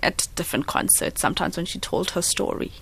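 A young woman born in Zambia, a guest in an interview, telling family stories earnestly and often answering with a quick yes. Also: on the low side, gravelly, fairly bright tone, slightly rough. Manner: storytelling, earnest, affirming with frequent yeses. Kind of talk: casual interview conversation.

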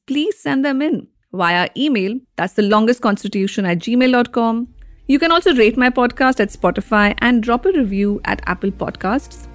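Indian accent woman podcast host, kinda high voice, dry close sound, explains stuff conversationally w wry asides. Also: no echo. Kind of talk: scripted explanatory narration.

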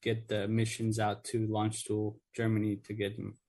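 A man's voice: on the low side, monotone, moderate pace, darkish tone. Earnest male veteran guest on radio. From Mexico. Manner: earnest, many fillers. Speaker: guest, Air Force veteran. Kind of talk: casual radio interview.

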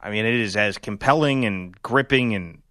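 A man's voice: fairly low pitch, normal speed, bright, forceful tone, no echo, studio quality. A man hosting sports talk radio, telling stories in an earnest, chatty way and laughing easily.

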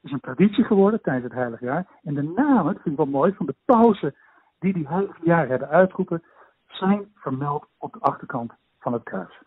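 A man on a poor-quality remote connection explains events at length in an interview, halting often with fillers and restarts. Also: lively intonation, husky, dry recording. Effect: low-quality remote connection with poor sound. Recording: tinny, dry phone-like line.

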